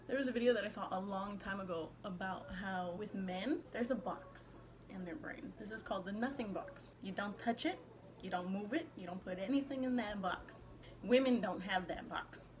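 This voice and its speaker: Woman vlogger with slight retainer lisp, noisy background. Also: mid-range voice. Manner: slangy, sweary, animated self-interrupting delivery. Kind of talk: casual, rambling chat to camera.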